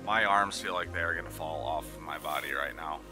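A man's voice: a bass voice, fairly quick, music in the background. A young man vlogging a fishing and camping trip, talking into a handheld camera inside a tent in the woods. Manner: excited, worn-out outdoorsman talking to camera. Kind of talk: casual vlog narration. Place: inside a tipi hot tent in a forest. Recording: noisy outdoor camera audio with sizzling pan.

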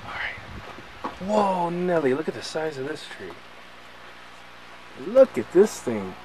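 A man's voice: a little high, big pitch swings, slow pace. Guy narrating his hike on a camcorder, goofy mock-drama jokes, lots of outdoor noise. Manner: playful mock-dramatic asides. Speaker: hiker filming a trail. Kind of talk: jokey handheld hiking commentary. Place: outdoors on a forest trail. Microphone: handheld camcorder mic. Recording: noisy outdoor camcorder audio.

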